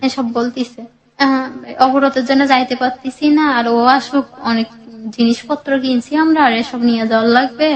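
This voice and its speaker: Woman, rambling emotional storytelling, slightly high voice. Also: fairly even intonation, normal speed, dull audio. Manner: rambling, with many restarts and acted-out quotes. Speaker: caller telling her life story.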